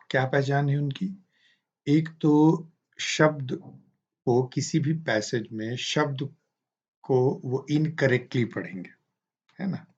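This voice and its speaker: A man giving a recorded teaching lecture, explaining slowly and deliberately with hesitant fillers. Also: mid-range voice, a little mellow, muffled recording. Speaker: teacher educator.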